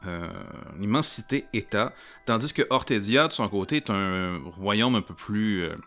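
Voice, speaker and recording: A man giving casual commentary while playing a game, explaining things in a halting way with frequent pauses and restarts. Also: on the low side, lively intonation, fairly bright tone, soft background music. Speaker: game streamer. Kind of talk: casual commentary over gameplay.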